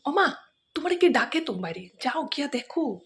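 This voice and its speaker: A woman's voice: high voice, very animated, normal speed. A young woman in a comedy skit, playing a daughter who keeps correcting her mother. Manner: exasperated, correcting, teasing.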